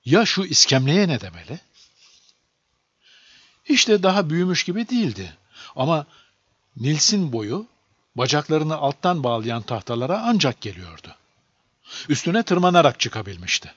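A man narrating a children's storybook aloud in a lively, expressive reading. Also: on the high side, normal speed, long pauses, slightly rough, dry recording. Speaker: audiobook narrator. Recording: dull lo-fi dry recording.

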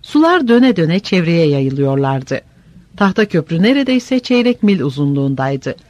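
A man reads an audiobook in a steady, measured way. His voice is high and moves a lot in pitch. The recording is close and dry. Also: no echo. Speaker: audiobook narrator. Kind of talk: scripted narration.

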